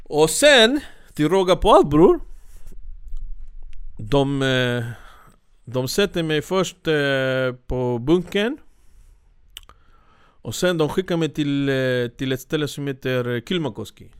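A young man telling his story as an interview guest, animated and full of street slang, acting out what people said. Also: a little high, long pauses, clean tone, no echo, studio quality. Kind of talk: casual storytelling.

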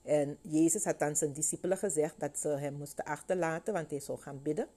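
A middle-aged woman delivers a sermon with a warm, slightly husky and fairly low voice. She retells Bible stories with animated storytelling and briefly takes on the voices of the people in them. Her tone rises sharply when she acts out a line. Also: fairly quick. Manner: animated storytelling, acting out voices of biblical figures. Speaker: preacher.

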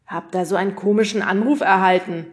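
A woman's voice: mid-range voice, fairly even intonation, brisk, lightly acted. A woman voicing a casual grown-up postman who talks in an offhand, clipped way.

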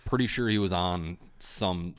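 A man's voice: deep voice, brisk, clear, resonant tone. A man telling a long story in a loose, rambling way, swearing freely and padding his talk with fillers. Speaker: podcast guest telling a hunting story. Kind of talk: casual storytelling.

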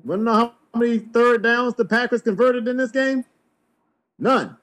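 A man's voice: extremely high pitch, moderate pace, a bit bright. A man hosting a sports podcast, giving blunt, emphatic opinions. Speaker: podcast host.

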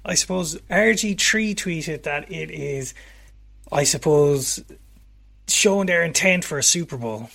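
A man's voice: on the high side, gravelly, bright, forceful tone. A man hosting a sports podcast in a jokey, rambling casual chat. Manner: jokey, rambling, quick intros. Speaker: podcast host.

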